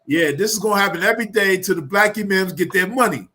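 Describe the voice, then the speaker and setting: A man's voice: high-pitched, fast talker, pushed and bright. A man co-hosting a live roundtable stream, trading laid-back, jokey banter. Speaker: co-host on a live roundtable show. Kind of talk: casual livestream banter.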